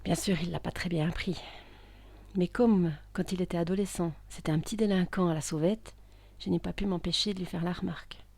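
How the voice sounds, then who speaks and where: Hushed woman telling a story. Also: on the low side, steady tone, a little fast, creaky, husky, dry recording. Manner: hushed, intimate, with tense outbursts. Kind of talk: first-person story narration, often whispered.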